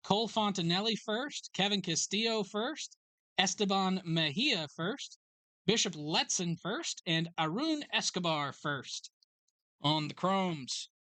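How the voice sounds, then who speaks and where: Card break host calling pulls at a card shop, bright forward voice, dry close sound, quick matter-of-fact roll call of names and numbers. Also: mid-range voice, animated, dry recording. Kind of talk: live card break commentary.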